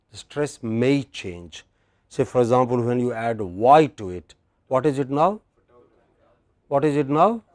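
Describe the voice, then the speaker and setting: A man giving a classroom lecture on English word stress. He speaks slowly and patiently, repeats phrases and checks that his students follow. The sound is dry and close. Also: mid-range voice, no echo. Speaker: English pronunciation teacher.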